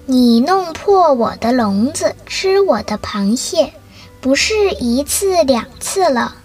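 A woman's voice: a little high, takes it slowly, soft background music. A woman reading the lines of a fearless older male crab fisherman who answers coldly and scornfully. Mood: angry. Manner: cold and scornful.

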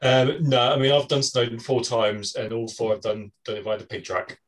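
A man's voice: mid-range voice, level tone, moderate pace. A man hosting a podcast interview, asking questions in a hesitant way and repeating words as he starts. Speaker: podcast host. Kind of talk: casual interview chat. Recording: distant from the mic.

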